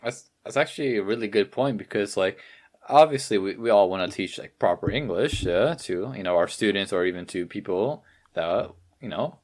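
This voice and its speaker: A man's voice: on the low side, lively intonation, moderate pace. A man co-hosting a casual podcast in an easygoing, agreeable way, with plenty of likes and uhs. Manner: easygoing, agreeable, many fillers. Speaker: podcast co-host.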